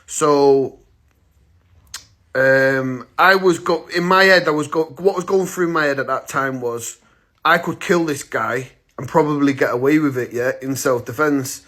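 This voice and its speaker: A man in his thirties vlogs a story straight to camera, blunt, slangy and casual, acting out the moments he retells. His voice has medium pitch, a fairly bright tone and a measured pace.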